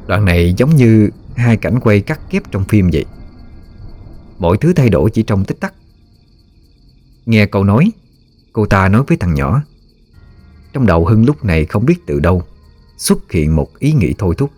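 A man narrating a ghost story in a steady, measured way. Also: lowish voice, soft background music.

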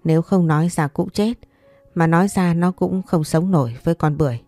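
A woman hosting a story channel, reading a romance novel in a calm, even narrating voice. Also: on the low side, brisk, no echo, soft background music. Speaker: audiobook narrator and channel host.

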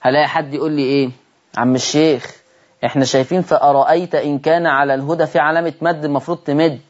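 Animated Egyptian sheikh teaching recitation. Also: male voice, fairly high pitch, rapid-fire, highs cut off. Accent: Egyptian Arabic. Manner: animated, asks listeners rhetorical questions. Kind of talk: televised recitation lesson.

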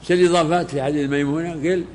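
An older man, a sheikh, explaining a classical text to students in unhurried, halting commentary. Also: fairly high pitch, fairly even intonation. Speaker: sheikh teaching a hadith text. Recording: hall reverb, faint background noise.

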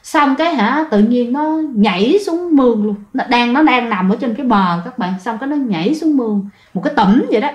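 A woman's voice: on the high side, expressive, brisk, few pauses, muffled recording. A woman telling a ghost story, chatting directly to her listeners. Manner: conversational, addresses listeners directly. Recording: roomy echoey recording.

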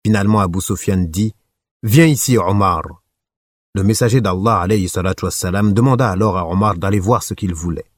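A man reading a religious biography aloud as an audiobook narrator, measured and solemn. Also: low-pitched, fairly even intonation, no echo, studio quality.

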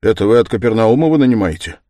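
A man's voice: lowish voice, expressive, fast, warm tone, no echo, voice pushed up, close to an everyday voice. A man reading an audiobook voices a gloomy, brooding young man who speaks abruptly and asks probing questions.

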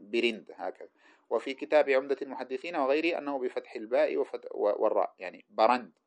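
A man teaching hadith sciences in a lecture, reading passages aloud and spelling out the letters and vowels of names as he explains them. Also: medium pitch. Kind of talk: lecture commenting on a classical text. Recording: dull lo-fi recording.

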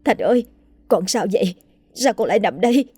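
A woman's voice: medium pitch, lively intonation, brisk, darkish tone, breathy edge, dry recording, voice pushed up. A woman voicing a frantic middle-aged mother who cries out in anguish for her son.

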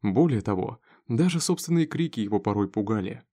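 A man reading a dramatic story aloud in a steady narrating voice. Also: on the low side, brisk. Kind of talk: scripted audiobook narration.

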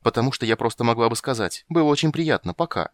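A man's voice: medium pitch, expressive, fast, no echo, pitched above the performer's own voice, close to an everyday voice. A male reader voicing a proud sorceress in an audiobook, speaking in a haughty, biting way. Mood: scornful. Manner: haughty, biting, then wistful. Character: proud, sharp-tongued sorceress woman. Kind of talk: audiobook character reading.

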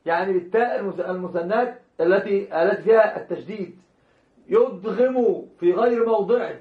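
Speaking fairly quickly in a high voice, a man gives a classroom lecture on Islamic law, restarting and repeating words as he talks straight to his students. He chuckles from time to time, and the recording is roomy, dull, and lo-fi.

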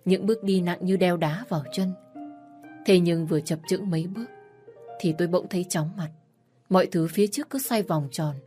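A woman's voice: lowish voice, normal speed, mellow. A woman narrating a sad first-person story with an emotional delivery. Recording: faint background music.

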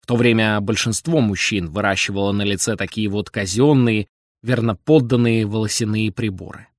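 A man reading a novel aloud as narrator, in an expressive storytelling manner. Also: on the low side, normal speed, no room sound, clean studio sound. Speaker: audiobook narrator. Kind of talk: scripted narration.

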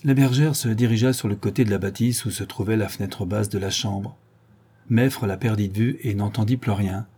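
A man narrating a crime novel in a steady reading voice. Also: fairly low pitch, normal speed, slightly rough. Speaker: audiobook narrator. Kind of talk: scripted narration.

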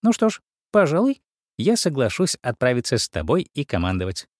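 A man voicing a bossy, chatty big female mouse in a storybook reading, with a squeaky voice. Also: wildly swooping pitch, fairly quick, dry recording, clean studio sound. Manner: bossy, fussy.

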